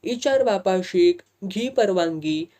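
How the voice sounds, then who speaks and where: In an audiobook, a reader voices a hot-tempered young village man with a Malvani accent who presses insistently during the dialogue. The mid-range voice is animated yet slow, with a mellow quality.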